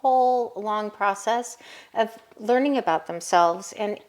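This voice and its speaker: A woman's voice: medium pitch, unhurried, a little mellow. A woman college counselor and business owner, answering interview questions in an explanatory way.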